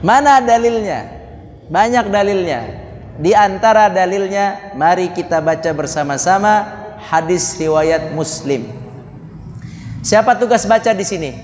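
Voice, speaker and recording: A man delivers a religious teaching lecture in a fairly high voice, slow and deliberate. He repeats phrases for listeners to follow and drops in joking asides. The sound carries a long reverb, as in a large hall. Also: lively intonation. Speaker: Islamic preacher.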